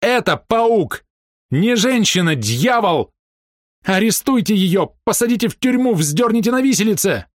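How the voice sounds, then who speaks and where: A man's voice: high voice, big pitch swings, measured pace, no room sound, studio quality, voice pushed up. A man reading aloud and voicing a gaunt, ragged man who shrieks accusations in a rage. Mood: furious.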